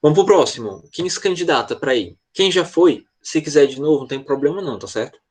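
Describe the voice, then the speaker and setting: A man's voice: fairly high pitch, animated, fairly quick, a little mellow, breathy edge. A man with a Brazilian Portuguese accent teaching an online class to children, explaining patiently and checking in often over a video call. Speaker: English teacher.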